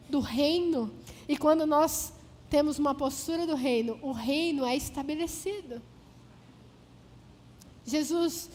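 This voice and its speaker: High-voiced woman preaching in a hall. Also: slight background noise. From Paraná, Brazil. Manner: storytelling, acting out dialogue. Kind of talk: sermon.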